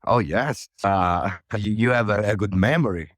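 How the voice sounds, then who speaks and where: A man's voice: fairly low pitch, a little slow, no room sound, clean studio sound. A man from southern Italy with an Italian accent, a wine professional answering interview questions in a friendly way and laughing often. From Puglia, Italy. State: morning voice. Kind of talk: casual interview over a phone call.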